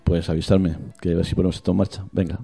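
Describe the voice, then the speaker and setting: A man's voice: deep voice, little pitch movement, fast, creaky, mellow, breathy edge, soft background music. A middle-aged man, a radio guest teasing and telling gossip with many restarts. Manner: chatty, teasing, hesitant restarts. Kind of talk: joking radio chat.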